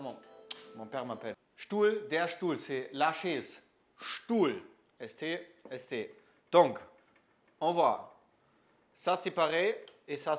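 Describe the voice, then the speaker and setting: Young male German tutor from the north, patient and unhurried, drills each word by repeating it, voice a bit high. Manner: slow and patient, repeats words to drill them. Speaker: German teacher. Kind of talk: casual language lesson.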